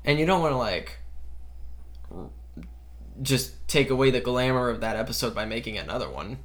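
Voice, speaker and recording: A man's voice: medium pitch, animated, moderate pace, crowd noise. A man hosting a casual podcast chat from a bedroom, talking eagerly and rambling, sitting far from the microphones. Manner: eager, rambling fan talk. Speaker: podcast host. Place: bedroom with dogs.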